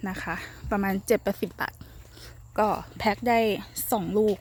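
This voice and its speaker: A woman's voice: medium pitch, fairly even intonation, moderate pace, slight background noise. Chatty woman showing ripe watermelons outdoors. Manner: chatty, polite particles, taps and listens to fruit. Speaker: organic farm seller. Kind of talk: casual demonstration.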